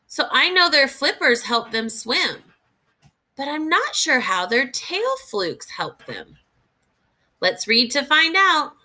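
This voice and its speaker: In a fairly high voice, a woman reads to young children the way a teacher does, expressive and instructive, with pauses to think through questions.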